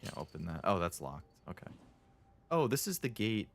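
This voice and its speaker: Male horror game streamer, deep register, very animated intonation, jumpy and uneasy casual chatter. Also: normal speed, gravelly. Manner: nervous, uneasy, muttering to himself while playing. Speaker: video game live streamer. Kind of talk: casual chat while playing a horror game.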